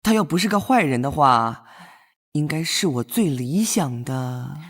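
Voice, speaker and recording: Brief: joking, pampered young master in a TV drama, lively voice. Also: male voice, fairly high pitch, a little slow, heavily acted. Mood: playful. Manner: playful, whiny and joking. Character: carefree young rich master, joking son. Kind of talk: TV drama acting.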